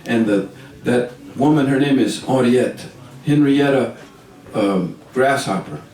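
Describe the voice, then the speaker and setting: A man's voice: mid-range voice, slow pace, a little mellow. Man, live storyteller, rambling asides, distant mic, roomy echo. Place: music store.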